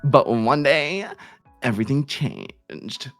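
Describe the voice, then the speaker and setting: A man streamer reading silly fan fiction aloud in a playful, animated storytelling way with sudden shouts. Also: mid-range voice, takes it slowly, no echo, soft background music.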